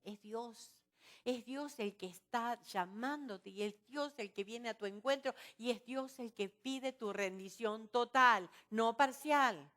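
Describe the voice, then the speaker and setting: A woman preaching a sermon at a women's retreat, lively and often asking her listeners rhetorical questions. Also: fairly high pitch, slow. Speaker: retreat speaker.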